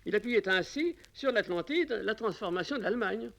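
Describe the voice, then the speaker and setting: An older man speaks in a high, creaky voice. He gives learned, assertive interview answers in formal phrasing, recorded on old worn 1950s radio tape. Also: animated, moderate pace, a bit bright. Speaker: interviewed author.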